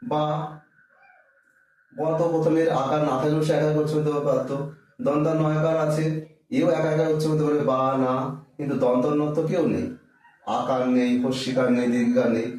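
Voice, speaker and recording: A man with a slightly high voice gives a patient reading lesson for children. He sounds out syllables one at a time and answers his own questions. He is recorded some way from the mic in a very echoey room. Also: little pitch movement, fast, darkish tone, far from the mic. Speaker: teacher.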